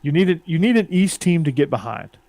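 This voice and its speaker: A man hosting a casual sports podcast, relaxed and rambling, often trailing off quietly. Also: a little high, brisk, dry recording. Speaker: podcast host.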